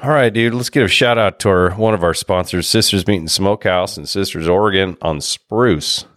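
A man co-hosting a golf podcast, chatting in a relaxed, storytelling way. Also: low voice, normal speed, dry recording, clean studio sound. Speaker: podcast co-host. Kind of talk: casual golf podcast chat.

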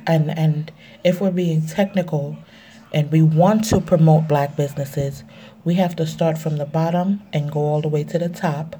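Female podcaster, slow and relaxed, chatting alone in an echoing bathroom. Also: low-pitched. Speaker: podcast host. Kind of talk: casual solo podcast talk. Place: small indoor bathroom, recording alone. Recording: echoey bathroom with background noise. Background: background noise.

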